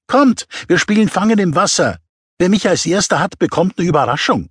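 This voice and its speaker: A man voicing a drunk, excitable young female student who keeps pushing for party games. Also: on the low side, brisk, breathy edge, no room sound, studio quality, voice pushed up, heavily acted. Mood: giddy. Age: young adult. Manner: pushy, excitable party talk.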